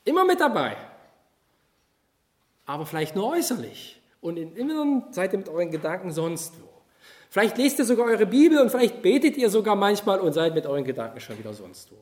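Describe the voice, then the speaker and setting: A man preaching a sermon at a youth retreat, animated and addressing listeners directly with questions, moving between loud emphasis and quiet asides. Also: sits high, fairly quick, reverberant.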